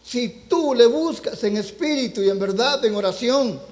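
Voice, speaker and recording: A man's voice: extremely high pitch, animated, moderate pace, a little mellow. A man preaching a sermon in a church, telling a personal testimony with passion and speaking directly to the congregation as brothers and sisters. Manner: impassioned storytelling, addresses congregation as brothers. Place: church sanctuary. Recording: long church reverb.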